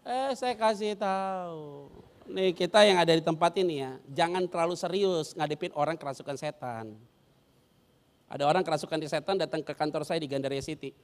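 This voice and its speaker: A male pastor with a fairly high voice preaches a little fast, animatedly telling stories in which he acts out scenes. He uses casual slang and quizzes his congregation along the way.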